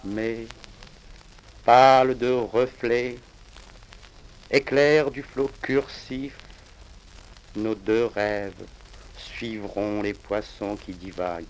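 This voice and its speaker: On a crackly vinyl record, a man from Reunion Island reads his own poems. His lowish voice holds a steady tone, and his delivery is solemn, measured, and declamatory, with deliberate pauses.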